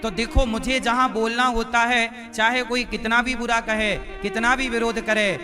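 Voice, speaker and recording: A high-pitched male preacher gives a live devotional sermon. He drives his points home through repetition and rhetorical questions, and he pushes the crowd to call out answers. Instrumental music plays clearly beneath his voice. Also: flat delivery, unhurried. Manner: repetitive, emphatic teaching cadence. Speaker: preacher giving a religious discourse.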